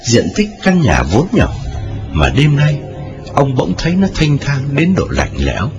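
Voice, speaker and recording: A man's voice: wildly swooping pitch, unhurried, highs cut off. A man narrating a ghost story in a dramatic storytelling manner. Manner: dramatic storytelling with wide swings in pitch. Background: music.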